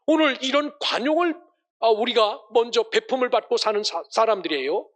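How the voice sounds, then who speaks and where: A man's voice: very high voice, fairly quick. A male pastor preaching a Sunday sermon, asking rhetorical questions and ending passages with blessings.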